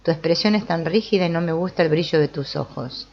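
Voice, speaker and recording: A woman's voice: fairly low pitch, fairly quick, muffled recording, slight background noise, natural voice. A woman reading the lines of a refined, mysterious woman in a brothel, asking grave, searching questions.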